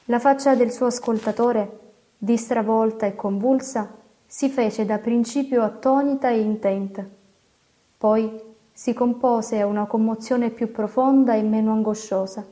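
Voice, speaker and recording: A woman narrates a classic novel in a steady, expressive reading. Her voice sits slightly high yet sounds warm and mellow. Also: a little slow. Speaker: audiobook narrator.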